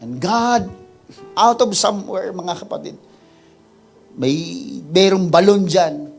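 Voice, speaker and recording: Impassioned pastor, high ringing voice. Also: male voice, lively intonation, faint music behind. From Philippines. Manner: emotional preaching that builds to loud, high, drawn-out cries. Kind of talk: impassioned sermon mixing Tagalog and English. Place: church service before a congregation.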